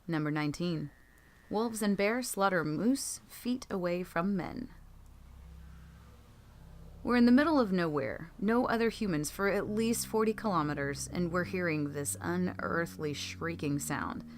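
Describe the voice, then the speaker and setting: This narrator, a woman with a fairly low voice, takes her time and gives her intonation plenty of life. She reads spooky first-person tales as scripted storytelling, and background noise is plainly audible.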